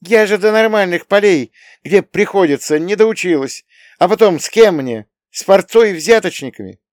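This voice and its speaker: A man's voice: a little high, sing-song, moderate pace, no echo, clean studio sound, pitched above the performer's own voice. A male audiobook reader voicing a tearful, guilty young woman lieutenant in a raised, pleading voice. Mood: agitated. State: crying. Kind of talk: audiobook character voice.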